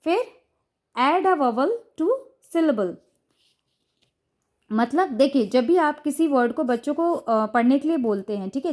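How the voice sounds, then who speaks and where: Young Indian woman, bright high voice, patient phonics teacher who checks in often. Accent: Indian English. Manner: patient, repeats "ठीक है" to check understanding. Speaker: teacher and channel host. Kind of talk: explaining phonics lesson to parents.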